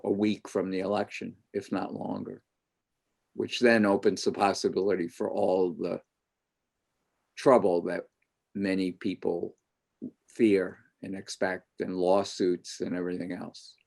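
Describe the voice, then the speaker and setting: Thinking aloud with animated, opinionated energy, a man hosts an online panel discussion. His voice sits low and has vocal fry.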